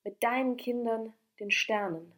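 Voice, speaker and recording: A woman voicing a tender young woman in an audiobook, speaking softly and devoutly. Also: fairly high pitch, measured pace. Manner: soft, devout.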